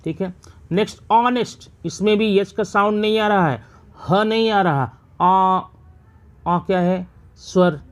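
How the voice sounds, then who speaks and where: High-voiced male teacher, step by step. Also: moderate pace. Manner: explains step by step, asks and answers his own questions. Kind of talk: classroom grammar lesson.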